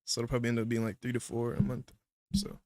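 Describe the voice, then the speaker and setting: A man in casual livestream chat, talking in relaxed slang while he eats. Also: medium pitch, quick pace, no room sound. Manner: laid-back slang, eating while talking. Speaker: livestream guest.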